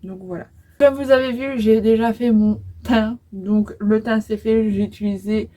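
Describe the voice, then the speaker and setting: A woman's voice: fairly high pitch, steady tone, a little slow, warm tone, lo-fi sound. A woman in her twenties talking through a makeup tutorial in a casual, hesitant way, with many fillers as she applies eyeshadow. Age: 20s. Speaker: beauty vlogger.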